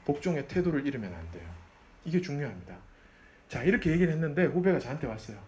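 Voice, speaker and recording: A man giving a sermon-like lecture to graduates, acting out quoted voices and swinging between loud and soft. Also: on the high side, big pitch swings, fast.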